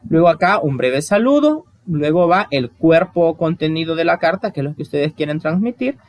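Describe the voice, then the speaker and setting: A man's voice: a little high, animated, moderate pace, no echo. A man, teaching a recorded online lesson and explaining each step while asking the class questions.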